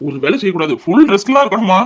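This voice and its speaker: A man voicing an excited young cartoon husband. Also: sits high, breathy edge, exaggerated voice. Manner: eager, rushed, joyful.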